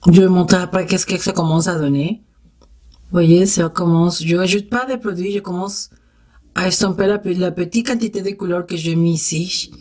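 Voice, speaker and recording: A woman's voice: fairly low pitch, moderate pace, darkish tone. Spanish-accented woman chatting through makeup. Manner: chatty and encouraging, talks straight to her viewers; sound effects like "tac" while she works. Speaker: makeup tutorial host. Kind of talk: step-by-step beauty tutorial.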